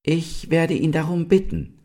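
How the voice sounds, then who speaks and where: A man reading a storybook aloud and voicing a brave, sensible young doe who speaks clearly and earnestly. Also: on the high side, fairly even intonation, a little slow, warm tone, voice pushed up, natural voice.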